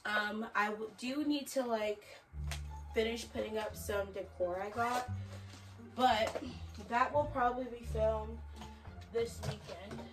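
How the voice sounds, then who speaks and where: A young woman talks through her day at an unhurried pace, her voice a little higher than most. She sounds slightly winded and picked up from some distance, with faint music playing underneath. She rambles casually and leans on fillers. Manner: chatty, filler-heavy, talking while tidying. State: out of breath. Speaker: vlogger. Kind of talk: casual vlog talk.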